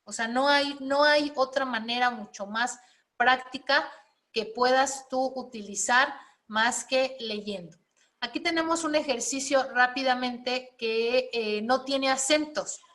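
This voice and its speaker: A woman teaches a spelling and writing class, explaining each step and frequently checking in with her students through questions. Her voice sits high and fairly bright, a little slow.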